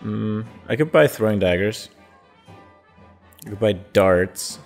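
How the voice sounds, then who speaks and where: Male gamer narrating gameplay, low voice, hesitant and musing, faint music. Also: animated, slow pace, gravelly, a little mellow. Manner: hesitant, thinking aloud with fillers. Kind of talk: casual gameplay commentary.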